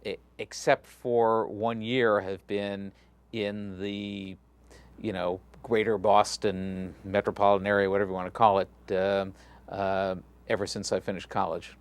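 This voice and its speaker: This is a middle-aged rabbi from Galveston, Texas, whose lowish voice is clear and resonant, level in tone and measured in pace. He's chatting informally in an interview, friendly and loose, with plenty of fillers and restarts.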